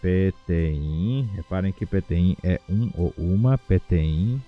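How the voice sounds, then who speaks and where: A man teaching a language lesson from home, breaking words into syllables and repeating them slowly. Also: low-pitched, lo-fi sound, soft background music. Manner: slow, syllable-by-syllable pronunciation drills. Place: home without a studio.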